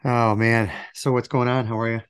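A man with a gravelly voice, still recovering from illness, chatting casually as a podcast co-host. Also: medium pitch, little pitch movement, moderate pace, no echo. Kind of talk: casual banter.

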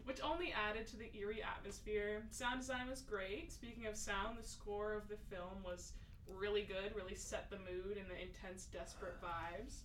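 A woman's voice: mid-range voice, steady tone, normal speed, a bit bright, roomy sound, distant mic, a little hiss or hum. A young woman co-hosting a casual podcast, reviewing a film in a laid-back, playful way with lots of fillers. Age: young adult.

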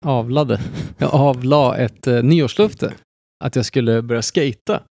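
A man's voice: medium pitch, mellow, no room sound, clean studio sound. A man in his thirties hosting a film podcast, joking and rambling with lots of fillers and restarts. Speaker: podcast host. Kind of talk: casual film podcast chat.

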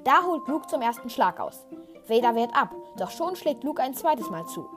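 A woman retells a story in a scripted, dramatic narration. Her voice sits on the high side. Clear music plays underneath throughout. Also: big pitch swings, moderate pace. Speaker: podcast host.

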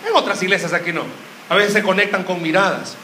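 A man's voice: high voice, fairly even intonation, quick pace, background noise. A young man preaching a sermon to a congregation, joking and quizzing the crowd with questions. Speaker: youth preacher. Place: church hall with a live congregation. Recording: roomy church hall echo.

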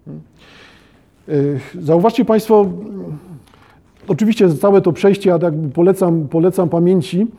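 Halting, mellow-voiced male lecturer. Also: high-pitched. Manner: halting, with frequent "e" hesitations and restarts; addresses listeners formally and checks understanding. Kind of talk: academic lecture on literature.

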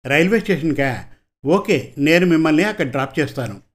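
A man reading a story, voicing a young woman officer who speaks clearly and courteously. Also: fairly high pitch, animated, a little fast, natural voice. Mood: polite. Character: young woman block development officer, direct and polite. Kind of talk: audiobook character voice.

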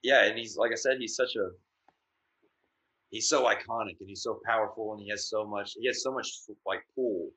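Male co-host, bright tone, rambly casual chatter. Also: on the low side, steady tone, moderate pace, rough recording. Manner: rambling, filler-heavy, restarts sentences. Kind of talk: casual chat.

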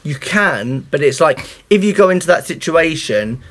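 A man in casual podcast chat who talks haltingly and fills his speech with "like" and "it's like". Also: on the high side, animated, a bit bright. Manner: halting, lots of "it's like" fillers.

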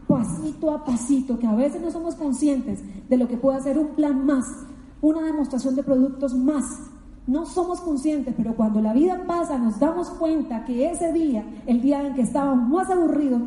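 In an echoey hall full of long reverb, a middle-aged Colombian woman delivers an emotional motivational talk with great emphasis. She recounts her own story, repeating herself often, in a high, warm voice.

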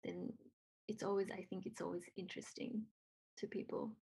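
A woman from Nepal chats casually in Nepali-accented English with earnest encouragement, often saying um and repeating herself. Her mid-range voice is mellow and slightly rough, level in tone and moderately paced.

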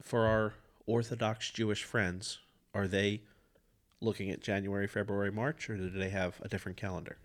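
A man with a low voice hosts a casual podcast discussion. He speaks plainly and to the point, landing short punchy statements. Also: flat delivery, normal speed. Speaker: podcast host.

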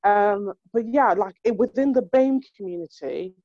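A woman chatting casually on a podcast, animated and exasperated as she tells stories and acts out what people said to her. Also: mid-range voice, normal speed, dry recording, lo-fi sound. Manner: animated, exasperated storytelling with acted-out quotes. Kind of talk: casual chat.

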